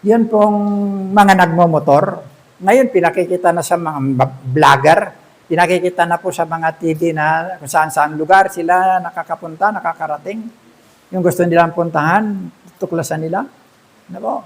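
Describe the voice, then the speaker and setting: A man's voice: a little high, steady tone, normal speed, poor audio. A man preaching a sermon in a storytelling way, often asking the congregation rhetorical questions.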